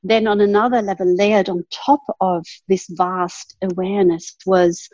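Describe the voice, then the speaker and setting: A woman with a husky, slightly breathy voice at a middle pitch tells her story earnestly and laughs lightly now and then. The sound is dry and close, with a dull, lo-fi tone. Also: little pitch movement, a little slow, darkish tone, dry recording. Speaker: guest. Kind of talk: reflective storytelling in an interview.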